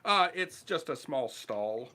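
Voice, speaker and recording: A man's voice: medium pitch, sing-song, slow pace, sharp tone. A man narrating a tabletop game as game master, casual and loose, with fillers and the odd swear.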